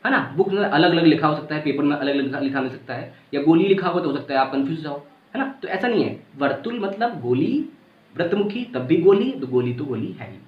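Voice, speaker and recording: In a brisk, expressive, high-leaning voice, a man gives an informal grammar class, sounding out vowels, restating key points and checking comprehension. An echoey room and dull, lo-fi quality mark the recording.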